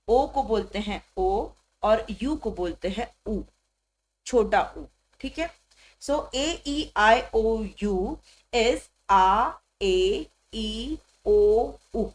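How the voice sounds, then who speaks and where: Woman, language teacher, slow deliberate pace, fairly high voice, patient letter-by-letter drilling. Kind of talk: beginner language lesson.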